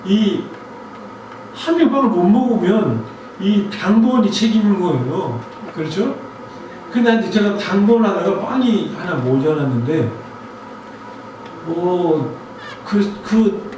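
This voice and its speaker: A man's voice: high-pitched, darkish tone. A male pastor preaching a Sunday sermon, telling a personal story in a conversational way and asking the congregation questions. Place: church sanctuary. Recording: very echoey hall, distant mic, faint noise.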